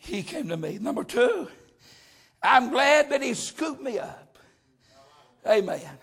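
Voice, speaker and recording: A man preaching a sermon with a hollering preaching cadence and a gravelly voice. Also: extremely high pitch, big pitch swings, slow, a bit bright.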